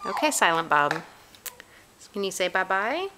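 A woman, a mother, chatting gently in a sing-song way to her toddler, repeating simple questions. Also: mid-range voice, sing-song, measured pace. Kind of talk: casual child-directed chat, gentle questions to a toddler. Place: carpeted room at home. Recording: home camera with clear background noise.

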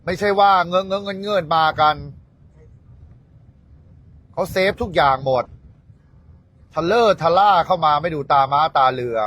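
Dharma teacher guy ranting, crude blunt talk, voice sits kinda high. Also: a little slow, long pauses, fairly bright tone. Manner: blunt, coarse and scolding. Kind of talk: casual spoken rant to followers.

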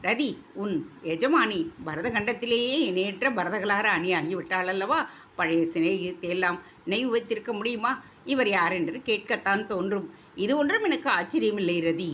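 A woman voicing a young male warrior prince who speaks in a measured, teasing and then earnest way. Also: medium pitch, a bit bright, a little hiss or hum, lightly acted. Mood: mocking. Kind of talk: storybook reading.

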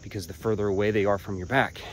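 A man vlogging hiking tips while walking a trail outdoors, relaxed and a bit profane, talking between breaths. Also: on the low side, fast, a little hiss or hum. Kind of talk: casual talk while hiking. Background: crickets and insects.

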